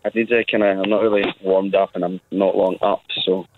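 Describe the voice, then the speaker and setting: A man's voice: sits low, little pitch movement, fairly quick, a little hiss or hum. A Scottish man answering a phone call, polite and a little hesitant. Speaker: tribute act receiving a phone call. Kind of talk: casual phone conversation. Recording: tinny phone line.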